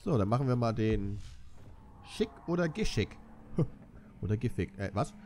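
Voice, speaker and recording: This let's play features a young man casually narrating a racing game with self-deprecating humor. He speaks at a moderate pace in a fairly low, slightly mellow, animated voice, with game music, engine sounds and a bit of background noise.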